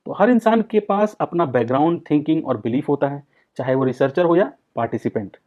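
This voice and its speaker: A man's voice: fairly high pitch, expressive, brisk. A man teaching a psychology lecture for exam prep, explaining step by step and repeating key points. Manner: explains in Hindi mixed with English terms, repeats key points. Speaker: psychology tutor. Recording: dull, lo-fi sound.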